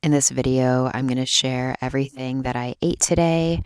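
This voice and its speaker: A young woman talking quietly in a personal vlog, keeping her voice down at night as if someone is asleep nearby. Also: very deep voice, steady tone, normal speed, clean tone, no room sound, studio quality. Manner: quiet, hushed night-time talk so as not to wake a sleeper. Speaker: vlogger. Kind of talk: personal vlog talk to camera. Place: closet, small indoor space.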